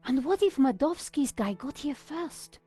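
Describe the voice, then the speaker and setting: An actress playing a sharp, teasing investigator in a video game. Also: female voice, sits high, animated, a little slow, faint music behind. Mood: thoughtful. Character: Nico, sharp, teasing French investigator, young woman.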